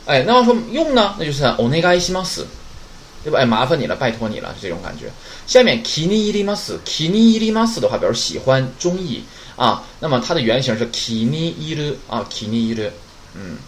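A man teaching Japanese vocabulary in a chatty way, often asking a question and answering it himself. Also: slight background noise. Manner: chatty, asks rhetorical questions and answers them; lively, swinging pitch. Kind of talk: casual vocabulary lesson.

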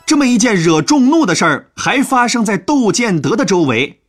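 A man's voice: sits high, very animated, normal speed, soft background music. A man telling a history lesson as a chatty, playful story. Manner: chatty, playful, with sentence-final particles.

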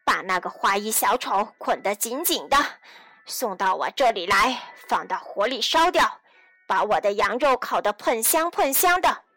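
A woman voicing a gruff, bearded male puppet-show master in a children's audio storybook, speaking in a blunt, grumbling way. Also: mid-range voice, animated, normal speed, a bit bright, no echo, soft background music, voice pushed down.

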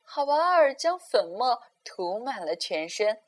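A woman storyteller reading a children's story aloud in a gentle, expressive way. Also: a little high, takes it slowly.

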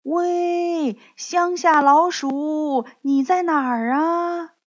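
A woman's voice: fairly high pitch, big pitch swings, unhurried. A woman doing a polite little city mouse. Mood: pleased. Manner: polite, gently pleased. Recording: dull lo-fi recording.

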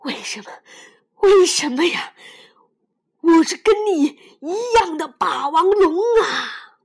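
A woman voicing a big male tyrannosaurus, gruff and hurt, pleading while out of breath. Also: very high-pitched, lively intonation, moderate pace, bright, forceful tone, in a whisper, voice pushed up, heavily acted. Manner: panting, pleading.

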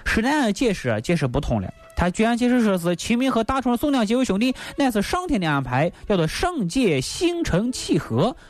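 A man's voice: sits high, fairly quick, hardly any pauses, faint music behind. A man co-hosting a comic chat, retelling a classic tale with jokes and constant interjections. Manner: animated, jokey, lots of interjections. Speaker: co-host.

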